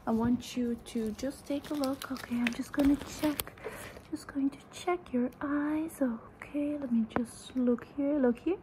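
A young woman doing a fast ASMR role-play as an examining doctor, murmuring short, repeated phrases in a hurried way. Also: high-pitched, fairly even intonation. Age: young adult. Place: indoors, small room at home. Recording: clearly noisy close recording with clicks.

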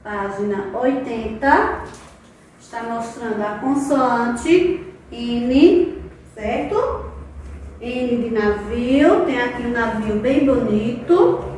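A woman teacher speaks in a high, sing-song voice, stretching out each syllable slowly for small children. She is far from the microphone in a very echoey room, with a faint hiss underneath. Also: darkish tone. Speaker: preschool teacher. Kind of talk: recorded children's lesson. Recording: very echoey room, distant mic, faint noise.

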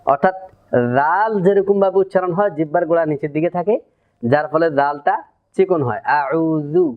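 Man teaching Quran pronunciation, lo-fi sound. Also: high-pitched. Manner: explains step by step, drills letter sounds slowly.

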